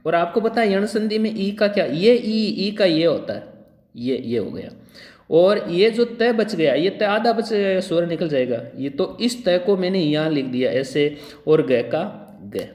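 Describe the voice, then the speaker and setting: Man, grammar teacher, exam-prep lesson, repeats wrong and right spellings, frequent throat clearing, echoey hall. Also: high-pitched, sing-song, unhurried, darkish tone. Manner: drills by repeating the wrong and right word forms. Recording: echoey room with long reverb.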